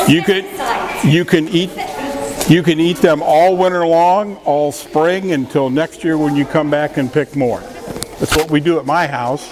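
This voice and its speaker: A man in his sixties giving a playful tour talk to children in a warehouse, asking questions and joking as he goes. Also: a little high. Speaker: orchard tour guide. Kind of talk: educational field-trip tour talk to children. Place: large indoor orchard packing warehouse. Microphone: camera a few feet away. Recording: busy warehouse with group chatter.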